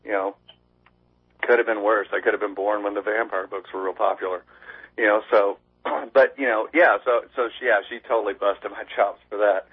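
A man's voice: lowish voice, fairly even intonation, moderate pace, husky. A man calling in to a radio show over the phone, chatting in a loose, rambling way and swearing casually. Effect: heard over the phone line. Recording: tinny phone line.

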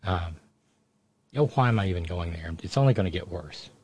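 A man's voice: deep voice, expressive, brisk, a little mellow, husky. A man hosting casual live political commentary in a sardonic, mocking manner. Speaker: host of political commentary show.

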